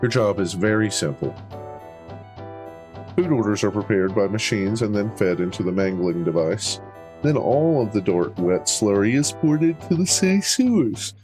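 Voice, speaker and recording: A man's voice: lowish voice, animated, moderate pace, a little mellow, faint music behind. A man hosting a let's play, reading a game's dialogue aloud with playful voices for each character and dropping casual asides. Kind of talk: reading game dialogue aloud while playing.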